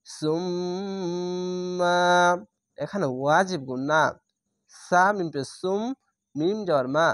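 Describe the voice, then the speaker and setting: A man's voice: on the high side, measured pace, pauses often, a bit bright, no echo, studio quality. A man teaching Quran reading, spelling out each letter and vowel, then chanting the word drawn out. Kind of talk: slow spelled-out tajweed lesson.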